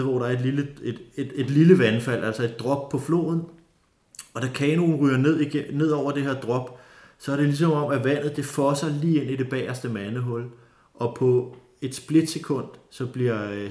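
A man telling a lively, casual story with many fillers and restarts. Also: mid-range voice. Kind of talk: casual spoken anecdote. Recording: roomy echo.

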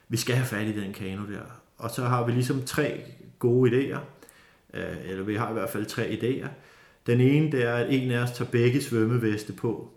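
A man telling a lively, casual story with many fillers and restarts. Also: medium pitch, creaky. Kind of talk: casual spoken anecdote. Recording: roomy echo.

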